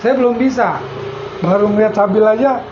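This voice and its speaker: A man giving a casual religious study talk, chatting and laughing often. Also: a little fast. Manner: chatty, laughs often, quotes his teachers in a low soft voice. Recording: dull lo-fi recording with faint noise.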